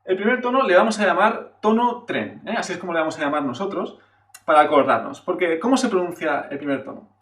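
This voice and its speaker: This classroom-style Chinese video lesson features a man with a high-pitched, fairly bright voice explaining patiently. He keeps checking in with a questioning "eh" and stretches out sample syllables to illustrate the tones, heard from a distance in an echoey room.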